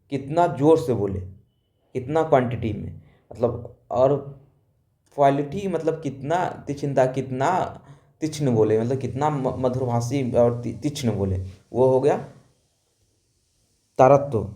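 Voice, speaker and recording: A man teaching a school lesson, loud and emphatic, repeating each point and explaining it in plain words. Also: mid-range voice. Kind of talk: classroom lesson.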